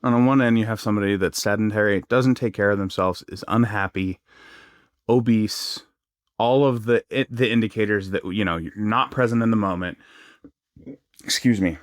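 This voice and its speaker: A man's voice: on the low side, steady tone, moderate pace, dry recording, studio quality. A man co-hosting a health podcast, talking bluntly and emphatically in casual slang. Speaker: podcast co-host.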